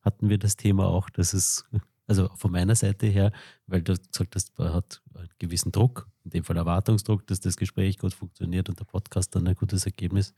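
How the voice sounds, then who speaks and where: Husky low-voiced male podcast host. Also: flat delivery, fairly quick, dark tone, no echo, studio quality. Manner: attentive, frequent short affirmations. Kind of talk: conversational interview.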